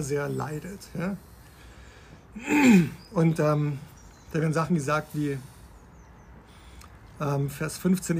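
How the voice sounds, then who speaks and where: A man's voice: fairly high pitch, gravelly, slight background noise. A man hosting a podcast, explaining Bible passages step by step in a conversational way and asking his listener questions. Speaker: podcast host.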